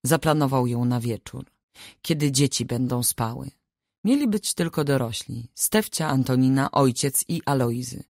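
A woman narrating a family saga audiobook in a measured, expressive reading on a close studio mic. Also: a bass voice, dry recording. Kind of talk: scripted narration.

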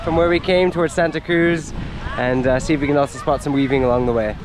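A man's voice: on the high side, steady tone, quick pace. A man in his thirties, chatty and upbeat, narrating a travel vlog outdoors with a handheld camera at arm's length. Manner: upbeat, chatty, laughs often. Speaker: travel vlogger. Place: outdoors at a beach cafe and beach.

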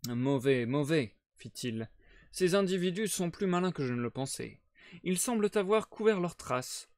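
A man playing a sharp, self-assured male detective, in a brisk, reasoning manner. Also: a little high, animated, dry recording, studio quality.

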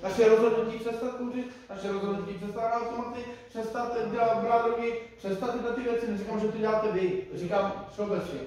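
A man's voice: very high voice, steady tone, few pauses, darkish tone, a little hiss or hum. A middle-aged man preaching an informal sermon in a conversational way, repeating phrases and talking straight to his listeners. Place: church hall. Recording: echoey room, distant mic.

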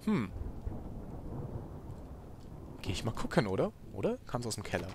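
A man's voice: fairly low pitch, sing-song, fast talker, noisy background. A man giving casual, joking commentary while playing a video game, with sarcastic asides. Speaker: let's player.

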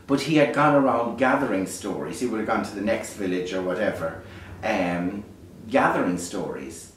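Beside a small fire in a dark stone hearth, an Irish man speaks in a lilting, casual, reflective storyteller's way. A distant camera microphone catches his mid-pitched voice ringing in a very echoey space, with faint noise in the background.

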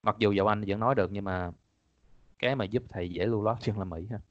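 Chatty male teacher with a low voice, online class on dull lo-fi audio. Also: fast talker, no room sound. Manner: casual, chatty, repeats points, laughs often. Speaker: English teacher. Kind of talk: online exam-prep class.

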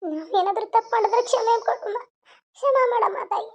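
Brief: a woman playing a protective mother; high, soothing, muffled recording. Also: fairly quick. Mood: tender. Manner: soothing, pleading. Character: middle-aged mother, tender and protective. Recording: dull lo-fi recording.

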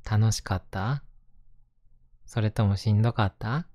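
A man with a Kansai accent talking gently and casually in a reassuring, intimate ASMR bedtime style, close to the microphone. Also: on the low side, measured pace, no echo. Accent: Kansai Japanese. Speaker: host reading bedtime picture books to listener.

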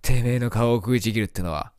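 A man voicing a tough, rude monster schoolgirl who talks in a gruff, threatening way while reading game dialogue. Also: medium pitch, fast, darkish tone, soft background music, pitched below the performer's own voice, close to an everyday voice. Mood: menacing. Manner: gruff, threatening, coarse speech. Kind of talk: voicing game dialogue during a let's play.

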